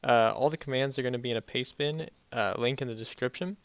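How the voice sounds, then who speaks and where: A man's voice: medium pitch, no room sound. Young man, sore-mouthed casual tutorial talk. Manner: halting, self-correcting explanations. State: sore mouth after wisdom teeth removal, slightly muffled careful speech. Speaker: tutorial video host. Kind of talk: casual off-the-cuff game tutorial commentary.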